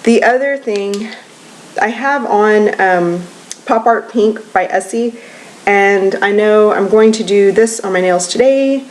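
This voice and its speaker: Slow and mid-range with a darkish tone, a young woman's voice comes through a low-quality recording with a bit of hiss or hum. She's at home with children around, rambling enthusiastically through a casual beauty favorites-of-the-month video and saying um a lot.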